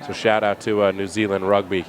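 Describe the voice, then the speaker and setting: A man's voice: fairly low pitch, flat delivery, brisk. A man doing colour commentary at a live outdoor match, analysing tactics and player backgrounds. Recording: loud crowd behind.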